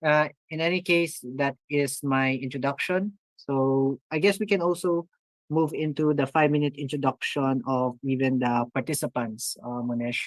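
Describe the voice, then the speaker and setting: A man chairing and moderating an online debate over a video call, talking in halting, restarted sentences. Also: medium pitch, fairly even intonation, no echo.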